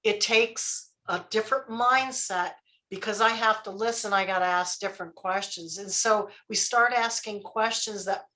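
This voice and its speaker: A woman's voice: medium pitch, normal speed, pushed and bright. A woman leadership coach giving a live workshop, talking conversationally, quizzing her audience and checking in with "right?" and "okay?".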